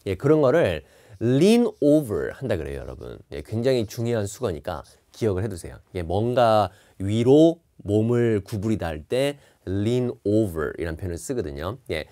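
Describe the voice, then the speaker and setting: A man's voice: on the low side, dark tone. A man teaching TOEIC listening in an online lecture, explaining each answer and repeating key words.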